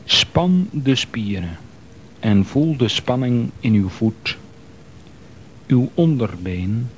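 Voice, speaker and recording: A man calmly leading a guided progressive muscle relaxation exercise, giving slow, soothing instructions. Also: fairly low pitch, slight background noise, rough recording.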